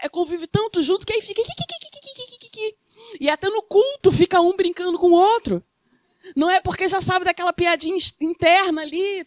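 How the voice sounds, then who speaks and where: A woman's voice: high-pitched, no echo, clean studio sound. A woman from Rio de Janeiro with a Carioca accent, preaching a sermon who asks the congregation questions and answers them herself. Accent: Carioca Brazilian Portuguese. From Rio de Janeiro, Brazil.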